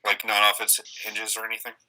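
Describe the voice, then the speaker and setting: Low, very bright-voiced male player. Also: monotone, a little fast, low-quality recording. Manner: laid-back, short replies. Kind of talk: casual tabletop play.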